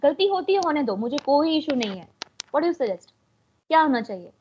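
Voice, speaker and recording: A woman's voice: high-pitched, big pitch swings, normal speed, darkish tone. A young woman with an Indian accent teaching an online language class, mixing Hindi and English and coaxing students to answer. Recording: dull lo-fi online call audio.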